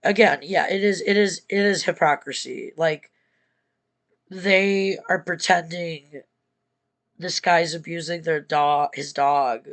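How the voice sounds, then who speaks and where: A man hosting a casual reaction stream, talking in a halting, emotional way and swearing often. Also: a little high, fairly even intonation, fairly bright tone. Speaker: streamer host.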